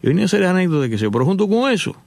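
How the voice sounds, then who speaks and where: An older man from Cuba with a Cuban accent, a radio host telling a story in an animated, digressive way. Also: high-pitched, very fast, vocal fry, dry recording.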